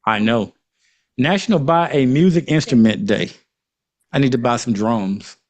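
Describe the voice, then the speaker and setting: A man's voice: mid-range voice, normal speed. Man with an Arkansas accent hosting casually. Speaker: host. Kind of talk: casual panel chat.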